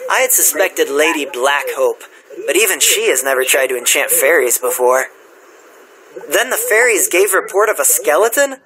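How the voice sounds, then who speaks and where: A man's voice: on the high side, natural voice, poor audio. A man playing an earnest, helpful young townsman in scripted fantasy game dialogue, speaking formally and expressively. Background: game music.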